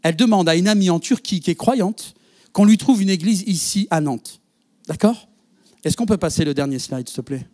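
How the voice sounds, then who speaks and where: A man's voice: high voice, normal speed. A male pastor preaching to his congregation, telling a story and acting out the dialogue. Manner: animated storyteller, quotes others in dialogue. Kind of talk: sermon with storytelling. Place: church.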